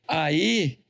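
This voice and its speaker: A man's voice: high voice, creaky, fairly bright tone. A man preaching a humorous sermon as a pastor in a church, with a Brazilian Portuguese accent, joking and telling stories to the congregation. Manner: joking, storytelling, calls on the congregation. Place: church hall.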